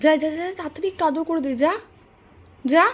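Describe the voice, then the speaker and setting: A higher-voiced woman talks to a small child at home. She coaxes and repeats herself in a playful, pleading way. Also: fairly even intonation, brisk, a bit bright, a little hiss or hum. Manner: coaxing, repetitive. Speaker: mother filming her child. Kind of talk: coaxing baby talk.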